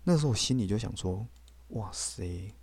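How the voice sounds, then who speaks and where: A man's voice: lowish voice, expressive, normal speed, darkish tone, slightly rough. A man, telling his faith testimony on a podcast in a blunt, candid way with casual swearing. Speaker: podcast host.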